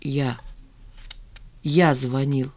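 A woman reading an audiobook voices a withdrawn young male neighbor who speaks flatly and without expression. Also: mid-range voice, normal speed, no echo, voice pushed up, close to an everyday voice. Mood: hushed, flat. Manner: expressionless, then quietly gloating. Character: young man, withdrawn neighbor, flat and menacing.

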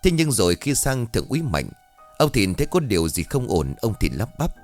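Man, ghost story narration, low pitch, animated delivery, soft music behind. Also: fairly quick. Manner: expressive storytelling. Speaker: audiobook narrator.

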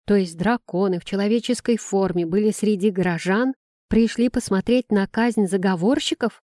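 A brisk, bossy young woman in an audiobook, played by a woman reader snaps out short, commanding lines. The voice has a mellow, dark tone and sits dry and close to the mic. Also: mid-range voice, no echo, natural voice. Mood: urgent. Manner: clipped, commanding delivery. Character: brisk red-haired young woman, bossy and quick-witted.

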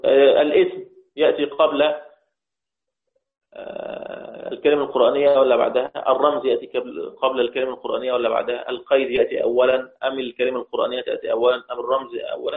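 Egyptian man teaching slowly, tinny echo. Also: medium pitch. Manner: slow, repetitive teaching with rhetorical questions. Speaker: teacher of Quranic recitation. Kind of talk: recorded lesson. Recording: tinny, echoey lo-fi recording.

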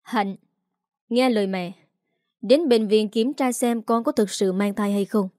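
A woman voicing an anxious, sharp-tongued middle-aged mother in an audio story, who scolds and grows shrill when upset. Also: a little slow, no echo, clean studio sound, lightly acted. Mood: low firm.

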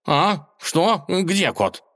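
A high, eager scientist cat who lectures with delight, as a man puts him on. He is raised well above the reader's low male voice. A storybook scholar wearing a pince-nez. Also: very animated, measured pace, fairly bright tone. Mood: drowsy. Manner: enthusiastic, lecturing.

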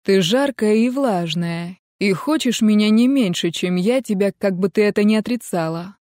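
A woman's voice: mid-range voice, normal speed, a little mellow, no echo, studio quality, lightly acted. A woman voicing a domineering, teasing Scottish laird in an audiobook, in a commanding manner. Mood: coaxing.

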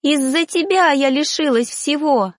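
A woman voicing a sobbing ghost girl, pitched higher. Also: a little slow, no room sound, studio quality. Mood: furious. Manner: sobbing, pleading. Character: ghost of a young woman, grieving and tearful.

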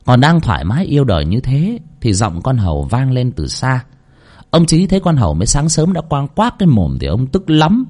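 A man's voice: mid-range voice, huge pitch swings, moderate pace, a little mellow. A man narrating a ghost story with a dramatic, swooping delivery.

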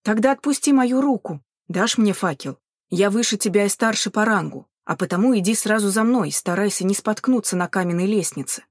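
A woman's voice: mid-range voice, expressive, brisk, no echo, close to an everyday voice. A woman voicing a composed young female imperial officer in an audiobook, speaking evenly with a dry, teasing edge.

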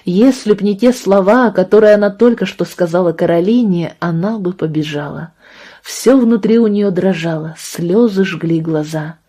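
A woman narrates a novel in an expressive but calm, measured manner. Her voice is warm and mellow, and her pace is even. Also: fairly low pitch. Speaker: audiobook narrator.

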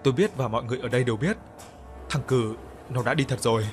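A man narrating a story in the first person, with a somber, measured reading and acted dialogue. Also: mid-range voice, music in the background.

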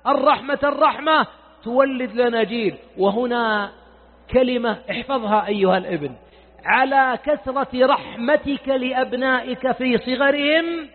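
A middle-aged Saudi preacher with a strikingly high voice, pleading with fervour and firing rhetorical questions. The recording is tinny and thin, with a long hall reverb behind him. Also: male voice. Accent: Saudi Arabian. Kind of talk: sermon.

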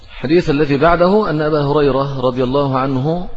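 A man's voice: fairly high pitch, steady tone, fast talker. A man with an Egyptian accent teaching a religious lesson, asking his own questions and answering them. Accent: Egyptian Arabic. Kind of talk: religious lesson explaining hadith. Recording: dull, reverberant hall recording.

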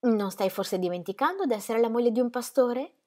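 A woman reading the part of a stern middle-aged male pastor, asking measured, incredulous questions. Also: on the high side, lively intonation, dark tone, voice pushed up, natural voice.

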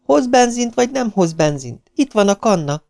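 A spirited young woman snaps back, her voice pitched high and dancing, played by a man reading the book. She sounds proud and quick to anger. The sound is close and dry. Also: big pitch swings, vocal fry, a little mellow, no echo, full character voice. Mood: indignant. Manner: raised, indignant voice.

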